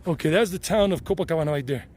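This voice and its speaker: This is a casual hiking vlog from a hilltop trail in the United States. The man, a vlogger and tour guide, races along in a fairly high, darkish voice, chatting and rambling into a handheld camera with lots of restarts.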